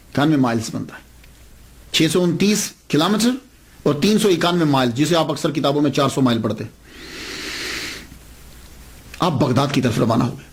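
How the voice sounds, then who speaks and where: Male preacher, high voice, emphatic sermon storytelling, rhetorical questions.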